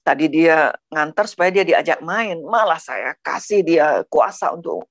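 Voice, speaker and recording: A woman's voice: low voice, expressive, no echo. A middle-aged woman from Padang giving an emotional personal religious testimony, repeating words and often turning to her listeners directly. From Padang, West Sumatra. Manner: earnest, emotional, repeatedly addresses listeners as brothers and sisters; halting, repeats words as she talks. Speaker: testimony speaker.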